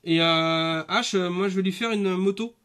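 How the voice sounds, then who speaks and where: Male streamer, 30s, high-pitched, loose rambling live chat with lots of fillers. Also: normal speed, a bit bright, smooth. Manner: chatty, rambling with many fillers and restarts.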